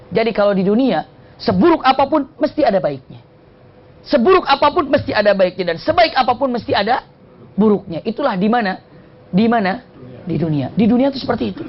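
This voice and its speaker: A man preaching a sermon and telling stories, who often asks questions and answers them himself. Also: high-pitched. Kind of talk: Islamic sermon with storytelling. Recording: dull lo-fi recording.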